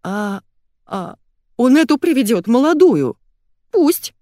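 A woman's voice: medium pitch, sing-song, normal speed, a little mellow, dry recording, clean studio sound. A woman reading an audiobook, voicing a plump, self-pitying married woman who whines and complains. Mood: tearful protest. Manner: whining, plaintive.

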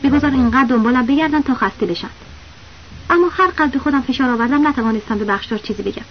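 A woman narrating a novel as a first-person audiobook, telling the story in a steady, plain manner. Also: high-pitched. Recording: dull lo-fi audiobook recording with faint hiss.

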